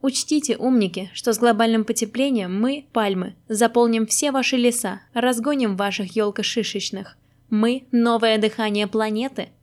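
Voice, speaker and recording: A haughty storybook palm tree speaking down to everyone, cold and scornful, as a woman reader puts her on. The voice sits a little high and stays lecturing and superior. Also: moderate pace, close to an everyday voice. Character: rude, arrogant female palm tree.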